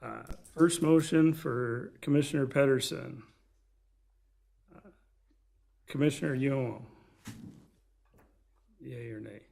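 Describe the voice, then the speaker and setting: A man with a measured, gravelly delivery, speaking formally as the chair of a commission meeting. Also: mid-range voice, darkish tone. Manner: measured, procedural. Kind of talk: formal procedural meeting talk. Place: public meeting room.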